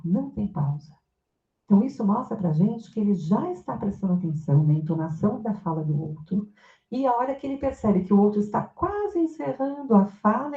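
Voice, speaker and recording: Woman lecturer, engaging and questioning, recorded in an echoey amphitheater. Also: mid-range voice. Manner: engaging, asks the audience questions. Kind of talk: academic lecture. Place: university amphitheater. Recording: echoey hall, tinny phone-like sound.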